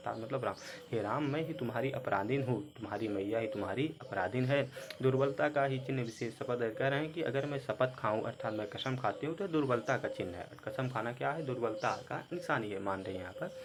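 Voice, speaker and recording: A man's voice: mid-range voice, fairly quick, crowd noise. Man explaining Hindi verse line by line. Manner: reads verse then paraphrases, word by word glosses. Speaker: teacher.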